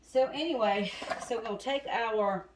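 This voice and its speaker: A woman with a somewhat high voice speaks unhurriedly, with a little hiss or hum, while demonstrating a recipe in her home kitchen. Slightly out of breath, she chats to viewers as "y'all," the roomy kitchen full of loud chopping and clattering dishes.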